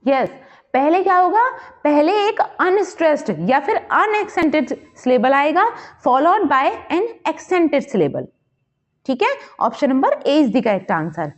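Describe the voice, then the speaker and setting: A woman teacher, running an exam quiz lesson, reading options slowly and explaining them in quick Hindi. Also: high voice, big pitch swings. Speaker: English literature teacher. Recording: dull lo-fi recording.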